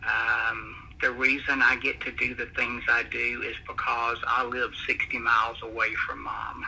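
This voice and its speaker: A middle-aged man heard down a tinny phone line with faint hiss behind him. He talks slowly and carefully in a bright, tense tone, easing into each point with soft fillers. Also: medium pitch, lively intonation, vocal fry. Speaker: brother on the phone. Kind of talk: careful family phone call.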